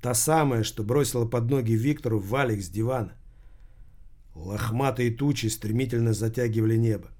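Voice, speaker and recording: A man narrating a crime novel audiobook in a steady, measured reading voice. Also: mid-range voice.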